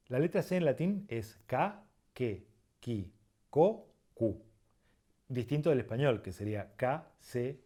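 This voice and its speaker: A man gives an instructional lesson. His voice is mellow and warm, pitched in the middle range. He explains patiently, repeating examples slowly and pausing to check that the listener follows. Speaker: birding instructor.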